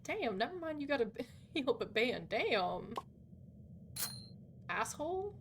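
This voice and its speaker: Hyped, high-pitched gamer woman streaming. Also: very animated, slow, a bit bright, slight background noise. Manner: hyped gamer talk, slangy, exclaiming. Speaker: game livestreamer. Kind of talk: casual, excitable gaming livestream chat.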